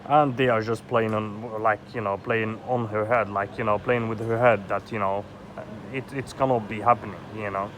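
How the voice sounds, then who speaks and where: In a moderately paced voice on the low side with fairly even intonation, a thirtysomething Egyptian man rambles agitatedly through a personal vlog. Swearing and "you know" fillers come constantly, against loud street traffic outside.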